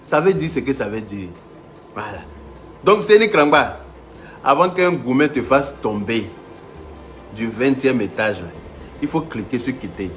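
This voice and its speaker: A man's voice: mid-range voice, lively intonation, unhurried, long pauses, fairly bright tone, faint music behind. A man hosting a live stream, mocking a rival and calling on viewers, stammering through restarts.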